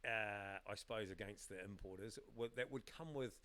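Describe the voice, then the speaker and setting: A man's voice: on the low side, normal speed, bright, forceful tone. A man hosting a casual interview, leading with questions and reading a short blurb aloud, with hesitant fillers. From New Zealand. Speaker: interviewer, host.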